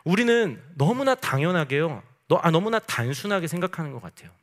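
Emphatic preacher with lively pitch. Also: male voice, fairly quick. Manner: emphatic, rhetorical questions to the congregation. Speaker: pastor. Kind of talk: sermon. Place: church service at night.

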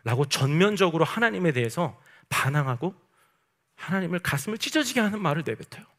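Male pastor, sermon, emphatic, rhetorical questions, animated and somewhat high voice. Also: quick pace. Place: church service at night.

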